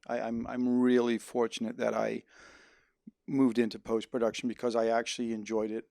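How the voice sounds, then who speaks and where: A man's voice: mid-range voice, completely flat delivery, normal speed, gravelly, mellow, dry recording. Dry-voiced reflective middle-aged man. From Netherlands. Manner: reflective and modest, with frequent ums. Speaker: podcast guest, sound mixer and filmmaker. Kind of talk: casual conversation.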